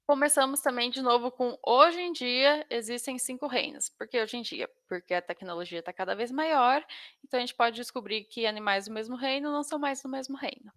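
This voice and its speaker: A Brazilian woman, a biology teacher, gives an informal lesson to exam students in a bright, fairly high voice, speaking a little fast. She has a slight lisp, sounds tongue-tied, and stumbles over technical terms. The sound is close and dry, with no room sound.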